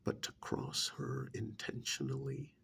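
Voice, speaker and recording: Breathy and gravelly, a man's half-whispered ASMR role-play monologue moves in deliberate, pointed phrases broken by pauses. His mid-range voice swings widely in pitch, with slight background noise.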